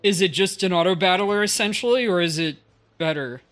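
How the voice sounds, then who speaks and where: A livestreamer chats casually with viewers while playing a game, in a mid-pitched voice. The manner is curious and inquisitive, like thinking out loud, and the pace is brisk, with faint music in the background.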